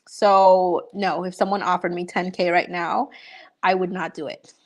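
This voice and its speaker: A woman's voice: on the low side, level tone, unhurried. A young woman from Honduras, a YouTuber casually chatting with viewers and answering their questions, upbeat and full of fillers. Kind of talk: casual livestream chat.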